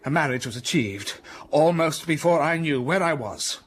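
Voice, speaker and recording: An actor playing Mr Rochester, a brooding gentleman telling his troubled past in a radio drama with slow, heavy storytelling that flares up with passion. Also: a little high, lively intonation.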